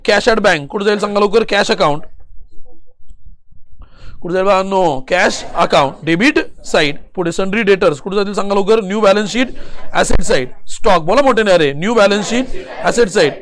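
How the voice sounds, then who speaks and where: A man with a Marathi accent teaching an accounting lesson, firing quick questions, answering them himself, urging students to speak up, and reading problem text slowly. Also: high voice. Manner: urges students to answer loudly; switches between Marathi and English. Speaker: commerce teacher.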